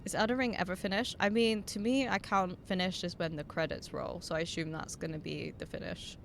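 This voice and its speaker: A woman's voice: fairly low pitch, fairly even intonation, a little fast, creaky, slight background noise. A young woman streaming a game, chatting casually with viewers, laughing often, swearing and reading out their messages. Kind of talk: casual live-stream chat while gaming.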